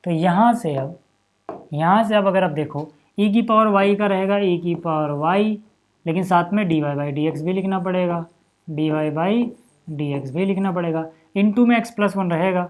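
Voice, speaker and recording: A high-pitched man speaks slowly, teaching a math lesson in a relaxed, step-by-step style. He's chatty, calls his students "भैया" and "भाई" (brother), and keeps checking they follow with "है ना" and "यार".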